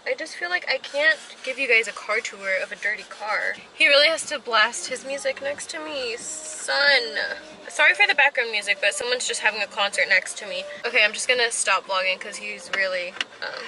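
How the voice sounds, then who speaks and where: A woman's voice: fairly high pitch, normal speed, bright, forceful tone, a little hiss or hum, low-quality recording. A young woman in her twenties chatting casually in a vlog, rambling and poking fun at herself, recorded inside a parked car on a dashboard camera. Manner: chatty, rambling, self-deprecating. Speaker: vlogger. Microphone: camera mounted on the dashboard.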